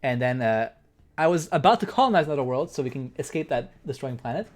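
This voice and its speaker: A man's voice: medium pitch, animated, quick pace. A man streaming a strategy game, chatting casually and rambling with lots of fillers. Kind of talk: casual live-stream chat.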